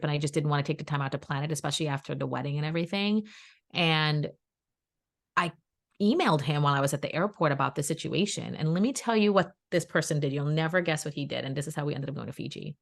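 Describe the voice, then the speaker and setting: A woman co-hosting a podcast, telling a personal story in casual chat and acting out what others said. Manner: animated, acts out quoted dialogue in pitched-up voices; chatty and emphatic, addresses listeners as "guys". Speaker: podcast co-host.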